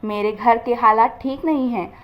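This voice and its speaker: Humble, hardworking young secretary, voiced by a woman narrator: soft, earnest delivery, high pitch, dull lo-fi recording. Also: steady tone, moderate pace, close to an everyday voice. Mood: apologetic.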